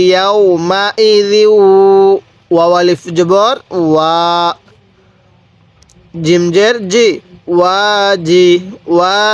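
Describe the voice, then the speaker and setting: A man's voice: sits high, smooth, dry recording, muffled recording. A man teaching Quran reading, spelling out Arabic syllables and repeating them patiently for learners to read along. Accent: Bangladeshi Bengali. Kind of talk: slow spelled-out recitation lesson.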